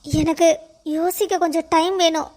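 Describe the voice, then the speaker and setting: A stubborn, anxious mother in a family cartoon, argued in a very high voice, as a woman voices her. She digs in her heels and keeps arguing her case. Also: steady tone, moderate pace, darkish tone. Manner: pleading then stubbornly arguing.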